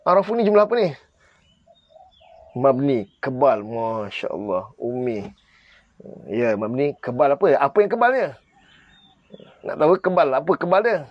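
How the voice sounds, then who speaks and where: A man's voice: medium pitch, very animated, moderate pace, pauses often, muffled recording. A man with a Malaysian Malay accent teaching Arabic grammar in a live online class, quizzing viewers and pressing them to comment and answer.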